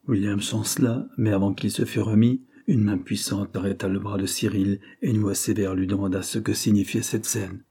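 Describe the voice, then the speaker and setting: Man reading an old novel aloud, low dark husky voice, steady and measured. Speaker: audiobook reader. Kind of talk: scripted narration.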